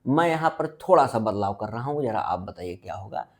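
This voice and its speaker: A man's voice: lowish voice, expressive. Man teaching grammar, quizzing himself aloud. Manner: asks questions and answers them himself, repeating answers; drawn-out emphasis on example sentences. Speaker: English teacher. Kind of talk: blackboard grammar lesson.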